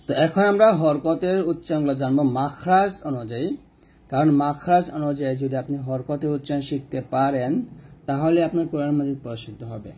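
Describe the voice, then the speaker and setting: A man with a Bangladeshi Bengali accent teaching a step-by-step recitation lesson, repeating each rule and drilling letters slowly. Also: fairly high pitch, mellow, husky. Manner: repeats rules and drills letters slowly, asks questions to the viewer. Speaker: Quran reading teacher.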